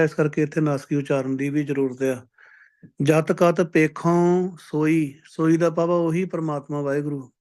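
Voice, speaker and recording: A man giving a Sikh scripture sermon, who chants each verse slowly and then explains it in plain everyday talk. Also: on the high side, darkish tone. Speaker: Sikh preacher giving katha. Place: based in Canada.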